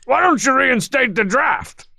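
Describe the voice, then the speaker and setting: A man voicing a scheming, pompous little cartoon tyrant with a gravelly, barking, scornful delivery. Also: very high-pitched, big pitch swings, a little slow, bright, forceful tone, a little hiss or hum, full character voice. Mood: scheming, pushy. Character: scheming, blustery little cartoon villain turned tyrant, male. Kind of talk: cartoon game acting.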